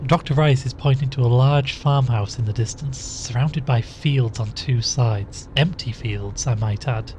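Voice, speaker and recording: An actor plays a sincere young investigator in an audio drama, narrating and probing with careful, deliberate curiosity in an observant mood. The performance is lightly acted, his medium-pitched voice has a darkish tone, and there's a little hiss or hum.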